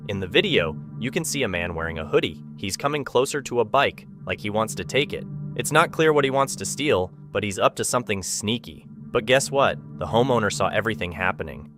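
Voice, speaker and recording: A man with a fairly low voice delivers dramatic scripted narration. Music plays clearly behind him. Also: lively intonation, fairly quick, hardly any pauses, a bit bright.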